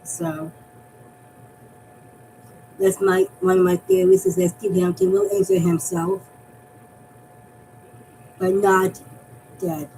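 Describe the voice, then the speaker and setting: A woman's voice: medium pitch, animated, slow, gravelly, pauses often, mellow, slight background noise, poor audio. A woman from Massachusetts chatting casually about her fan theories, rambling and restarting her phrases as she goes. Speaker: fan vlogger.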